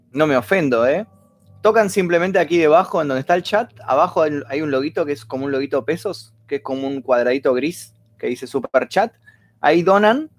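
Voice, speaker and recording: A man with an Argentine accent hosts a casual livestream, rambling, reading viewers' stories aloud and thanking donors at length. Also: on the high side. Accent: Argentine Spanish. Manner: reads viewer messages aloud.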